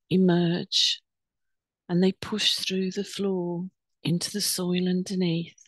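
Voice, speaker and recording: A woman guides a meditation, giving instructions in a soothing, unhurried voice with pauses between phrases. Her voice is on the low side, and there is no room sound.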